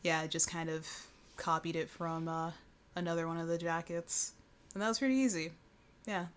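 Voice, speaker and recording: A woman's voice: lowish voice, fairly even intonation, moderate pace, slight background noise. A woman co-hosting a podcast in casual chat, rambling along in a self-deprecating way. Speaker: podcast co-host.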